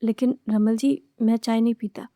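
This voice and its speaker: A woman's voice: a little high, little pitch movement, moderate pace, dark tone, dry recording, clean studio sound, natural voice. A woman voicing a timid young male lecturer who talks hesitantly and politely and stumbles over his words. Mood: nervous.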